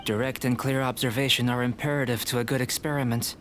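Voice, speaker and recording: A man voicing Albedo, a calm, curious young alchemist who talks in measured, polite scholarly phrasing. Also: mid-range voice, slight background noise, close to an everyday voice. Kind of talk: video game voice acting. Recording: game audio with clear background music.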